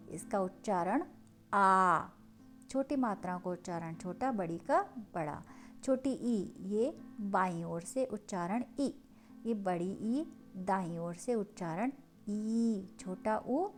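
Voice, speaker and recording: A woman teaching a lesson on Hindi vowel signs, stretching each sound out slowly for children to copy. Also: medium pitch, dark tone. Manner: slow, drawn-out pronunciation of sounds for children.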